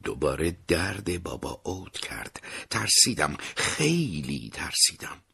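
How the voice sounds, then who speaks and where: A man narrating a first-person audiobook in an expressive storytelling way, dropping into whispers at tense moments. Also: sits low, vocal fry, husky.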